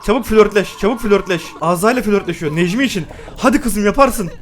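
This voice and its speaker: A young man giving loud, excitable commentary while playing a life-simulation game, laughing and exclaiming often. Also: sits high, a little fast, noisy background. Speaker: gaming YouTuber. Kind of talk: excited let's-play commentary.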